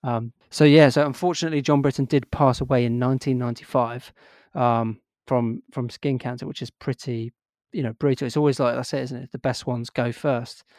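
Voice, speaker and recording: A man's voice: mid-range voice, steady tone, fairly quick, a little mellow, no room sound, clean studio sound. A man co-hosting a podcast in a casual, rambling chat, gushing with enthusiasm. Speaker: podcast co-host.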